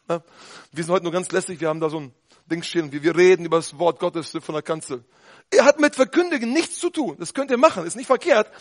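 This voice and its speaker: A man preaching a sermon with fervour, dropping to quiet talk and then shouting out his points. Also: sits high. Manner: fervent, switches between quiet talk and shouting.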